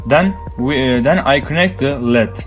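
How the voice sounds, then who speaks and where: A man from Turkey with a Turkish accent, a vocational student haltingly narrating how he assembles a circuit, in broken English. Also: mid-range voice. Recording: clear music behind voice.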